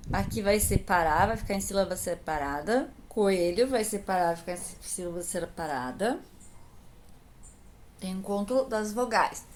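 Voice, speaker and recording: A woman's voice: fairly high pitch, slight background noise. A woman teacher patiently explaining a grammar lesson to young pupils, asking questions and answering them herself. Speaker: primary school teacher.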